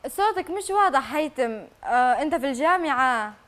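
A woman with a Libyan accent hosting a live morning talk show, speaking in a brisk and earnest way from a TV studio. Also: high voice, expressive, fairly bright tone, a little hiss or hum.

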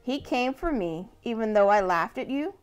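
A woman voicing a noisy, boastful male rooster who talks loudly and crows. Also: a little high, animated, moderate pace, clear, resonant tone, faint music behind, lightly acted. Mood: boisterous. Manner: loud and crowing.

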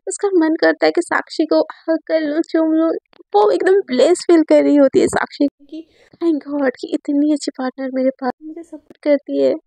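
A woman's voice: high voice, steady tone, normal speed, creaky, mellow, dry recording, low-quality recording. A woman narrating a romance story in a chatty spoken style with frequent fillers.

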